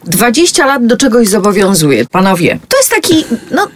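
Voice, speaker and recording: A woman's voice: a little high, very animated, normal speed, a little hiss or hum. A woman hosting a casual interview, playful and teasing with her guests. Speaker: host.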